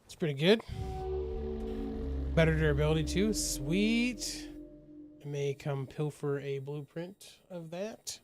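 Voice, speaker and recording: A man's voice: a little high, slow pace, pauses often, faint music behind. Chatty laughing man gaming. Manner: chatty, laughs often, trails off and restarts. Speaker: gaming channel host. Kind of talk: casual let's-play chat with teammates.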